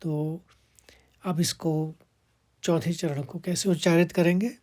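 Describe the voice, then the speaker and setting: A woman teaching how to recite a Sanskrit verse, chanting each line slowly and then explaining it step by step in quick asides. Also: sits low, steady tone, mellow. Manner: patient, step-by-step instruction.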